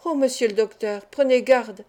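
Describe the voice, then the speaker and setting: Woman reader as jolly young male acrobat, chatty patter, warm tone. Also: fairly high pitch, moderate pace, natural voice. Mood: playful.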